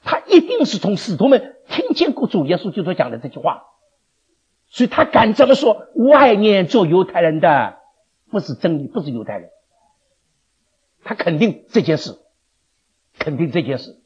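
A man teaching a Bible class, animated, questioning his listeners and chuckling often. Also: high voice, moderate pace, long pauses, slightly rough. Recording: dull lo-fi recording.

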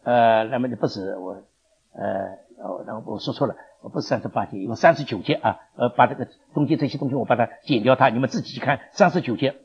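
A man teaching a Bible class, animated, questioning his listeners and chuckling often. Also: medium pitch, brisk, creaky, husky. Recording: dull lo-fi recording.

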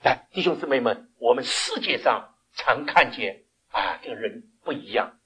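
An older man preaches a sermon in a husky voice, his pitch leaping up and down as he talks. He keeps asking the congregation questions and laughs now and then, switching between loud and quiet. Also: lively intonation, normal speed.

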